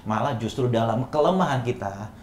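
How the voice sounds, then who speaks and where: A man's voice: mid-range voice, expressive, normal speed, reverberant, a little hiss or hum. A man guest in a casual interview, speaking earnestly and in a preachy way.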